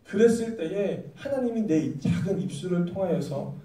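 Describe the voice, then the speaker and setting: A man's voice: high-pitched, moderate pace, echoey room, far from the mic. A man preaching a sermon to a youth group, telling stories and acting out the quoted lines. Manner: lively storytelling, acts out quoted lines. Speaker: youth pastor. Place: church hall.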